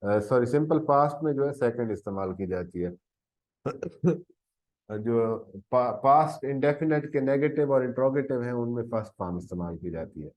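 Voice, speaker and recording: A man's voice: medium pitch, lively intonation, moderate pace, a little mellow, low-quality recording. A man with a Pakistani Urdu accent teaching a grammar lesson, often coughing, correcting himself and checking in with "theek hai ji". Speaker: English teacher. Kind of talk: grammar lesson explaining tenses.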